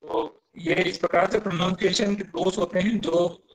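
A man teaching a class, explaining pronunciation step by step, pausing to ask his students questions and reciting verses syllable by syllable. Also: sits high, fairly even intonation, vocal fry, slight background noise, low-quality recording. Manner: patient, stepwise, asks students questions. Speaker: Sanskrit teacher.

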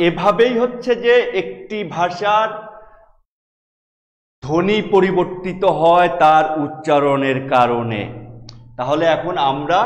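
A middle-aged man from Bangladesh, a Bengali professor giving a classroom lecture, explaining slowly and repeating key words. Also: a little high. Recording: echoey hall reverb.

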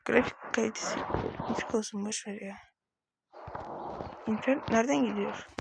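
A woman's voice: a little high, moderate pace, creaky. A young woman streaming a game, complaining in exasperated, frustrated commentary and talking back to the game. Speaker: gamer streaming gameplay. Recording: loud background noise with clicks.

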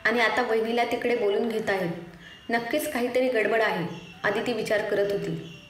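A woman reading an audio story in a steady, even way. Her voice sits fairly high. It rings in an echoey room with faint noise underneath. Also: normal speed.

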